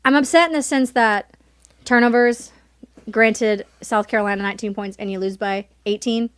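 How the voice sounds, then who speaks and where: A young woman co-hosting a college sports show, talking in an animated, opinionated way and laughing often. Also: a little high, normal speed, smooth, dry recording. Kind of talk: casual sports chat.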